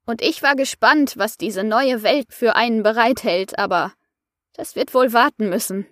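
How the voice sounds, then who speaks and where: A woman's voice: a little high, moderate pace, fairly bright tone, no echo, studio quality, lightly acted. A woman reading an audiobook voices an angry man who talks sharply and indignantly. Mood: grumbling. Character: angry middle-aged man, newly rejuvenated, indignant.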